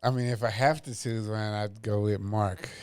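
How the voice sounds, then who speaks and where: A man who is a guest on a podcast answers in short, decisive remarks with a dry wit. His voice is smooth and clear. The sound is close, with almost no room echo. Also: fairly low pitch, steady tone, moderate pace, darkish tone. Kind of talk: casual chat.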